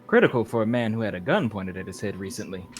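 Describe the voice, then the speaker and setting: Man voicing a condescending dark-side woman, low-pitched, faint music behind. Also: big pitch swings, fast talker. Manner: smooth and condescending. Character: cool, menacing female dark-side agent.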